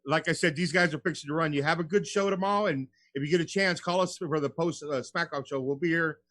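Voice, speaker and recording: A male radio host talks in a fairly high voice with a dry, close sound. He chats casually and slangily, treating whoever he addresses like a buddy. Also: quick pace, a bit bright, dry recording. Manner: slangy, buddy-like, says "bro" and "man" often. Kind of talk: casual talk radio chat.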